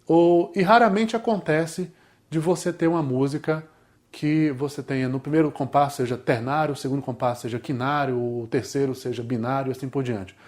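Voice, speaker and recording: A man's voice: mid-range voice, a little mellow. A man with a Brazilian Portuguese accent teaching a music theory lesson, explaining step by step and often checking in with his students.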